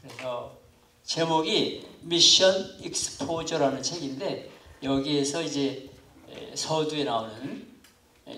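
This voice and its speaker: A man in his seventies, a pastor teaching a missions class to lay ministry students, speaking in an unhurried, halting, politely formal way. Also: medium pitch, gravelly, a bit bright. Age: 70s. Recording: echoey room, far from mic.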